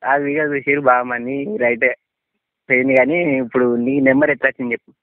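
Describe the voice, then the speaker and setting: Fast-talking and medium-pitched with little pitch movement, a Telangana Telugu-accented man fields a prank phone call from a friend. He's casual, blunt and wary, firing off questions over a tinny, dry, band-limited line with no room sound.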